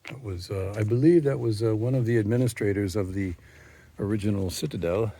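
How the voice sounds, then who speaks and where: A man narrating a casual walking tour of an old fortress outdoors, rambling with many pauses and fillers, recorded on a handheld camera mic. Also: fairly low pitch, mellow, slight background noise. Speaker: tour guide vlogger.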